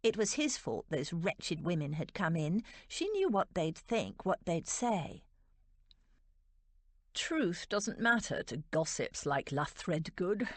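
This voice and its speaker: A woman narrating a romance audiobook with expressive, measured storytelling. Her voice sits on the low side, yet her pitch moves a great deal, and the sound is dry and close. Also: dry recording. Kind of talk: scripted narration.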